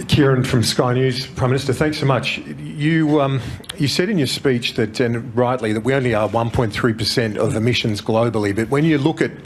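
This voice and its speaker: A man working as a television reporter, asking a press-conference question in a mid-range voice. He builds his point slowly through restarts and qualifications. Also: mid-range voice, a little hiss or hum. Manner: long, winding question with restarts.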